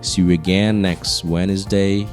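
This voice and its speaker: A man hosting a podcast solo, speaking slowly in a low, hushed register with casual, rambling, earnest encouragement. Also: little pitch movement, faint music behind. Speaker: podcast host.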